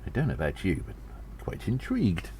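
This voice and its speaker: In an audio drama, a man voices a small gnome adventurer who narrates in the first person, recounting battles with theatrical gravity in a confiding, genial mood. His low, warm voice swoops wildly in pitch and runs a little fast, with a little hiss or hum.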